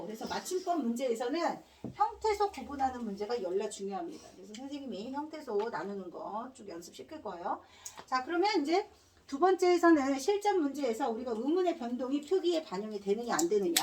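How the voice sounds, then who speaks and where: A woman's voice: on the high side, very animated, a little fast, a little mellow, far from the mic, slight background noise. A woman teaching a Korean grammar lesson, drilling students with repeated questions and slipping in casual slang. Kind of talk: classroom lecture.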